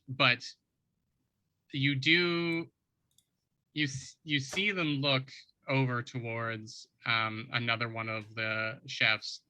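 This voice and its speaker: A man improvising narration as a game master, informal and descriptive in a halting way. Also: mid-range voice, pushed and bright, clean tone, no echo, rough recording.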